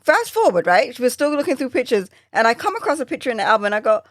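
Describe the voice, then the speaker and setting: Animated woman telling a family story. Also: fast, dry recording, studio quality. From Jamaica. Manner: animated storyteller, acts out quotes with sudden high jumps. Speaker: podcast co-host. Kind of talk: casual storytelling chat.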